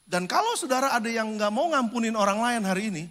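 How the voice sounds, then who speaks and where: A high, bright-voiced male pastor preaches in an animated, joking way. He drops from loud preaching into low asides, and his voice rings out with the long echo of a large church hall. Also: fast. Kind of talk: sermon.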